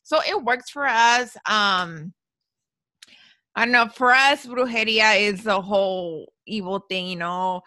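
A woman's voice: medium pitch, takes it slowly, sharp tone, no room sound. A woman speaking frankly in a casual chat, mixing in Spanish words.

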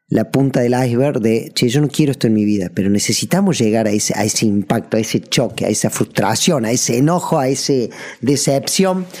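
A man's voice: mid-range voice, darkish tone. An earnest man with a Rioplatense Spanish accent hosts a podcast, giving a reflective motivational monologue as a mentor, asking the listener question after question. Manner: earnest, coaching, asks the listener many questions.

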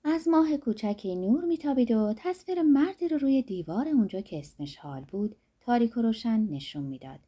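Husky-voiced woman telling a fairy tale. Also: on the high side, expressive, few pauses. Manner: soft, dreamy, fairy-tale telling with sentences trailing off quietly. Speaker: narrator. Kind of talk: storytelling narration.

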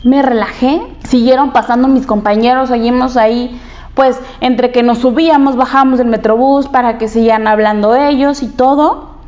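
A woman's voice: a little high, steady tone, moderate pace, a little mellow. A young woman, telling a personal story candidly and repeating phrases for emphasis.

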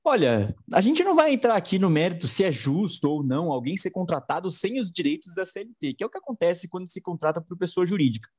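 A man's voice: high-pitched, sing-song, fast, hardly any pauses, darkish tone, slightly rough. A man co-hosting an informal political news show, slangy and sarcastic.

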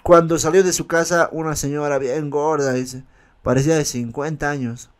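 A man's voice: on the high side, fairly even intonation, moderate pace, smooth. A man, co-hosting a podcast, telling a funny story with a laugh. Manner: laughs often, reads a story aloud with acted quotes. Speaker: podcast co-host. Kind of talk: casual comedic storytelling.

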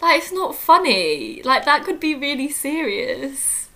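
Bright chatty young woman. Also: sits high, sing-song, measured pace. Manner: chatty, laughs often, many fillers. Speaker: podcast co-host. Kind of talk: casual chat.

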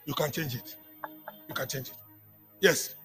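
A man preaching a sermon, calling out to the congregation and repeating phrases, swinging from hushed asides to shouts. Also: on the high side, measured pace, husky, soft background music. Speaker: apostle preaching.

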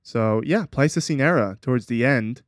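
A man co-hosting a casual chat show, playful and quick to interject. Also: mid-range voice, no echo. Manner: playful, laughs often, interjects. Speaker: podcast co-host.

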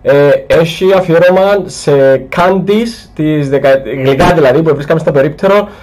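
Male producer, voice on the high side, casual explanatory delivery to listeners. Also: a little mellow.

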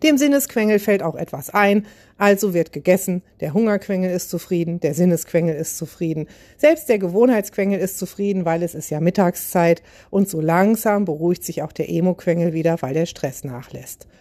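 A woman hosting a podcast, telling a humorous story in a lively, self-mocking way. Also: lowish voice, brisk. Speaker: podcast host.

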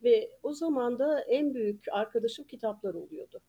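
A woman's voice: a little high, expressive, normal speed, breathy edge, highs cut off. A woman in her sixties from Ankara, guest on a podcast, telling stories in a chatty way and laughing between sentences. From Ankara, Turkey. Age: 60s. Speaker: guest author and retired teacher. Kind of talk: casual podcast interview.

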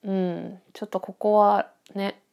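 A woman speaks at a medium pitch with a congested, nasal sound, as if her nose is blocked. She chats informally on her own like a podcast host, thinking aloud in a reflective, slightly hesitant way. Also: little pitch movement, a little slow, vocal fry, a little mellow, clean tone. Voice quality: stuffy-nosed, nasal voice. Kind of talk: casual solo chat, thinking aloud.

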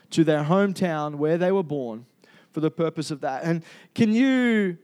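A man whose voice sits high and has a darkish tone preaches in an Australian accent. His sermon feels like a conversation: he asks the congregation questions, uses many fillers, and keeps restarting what he's saying.

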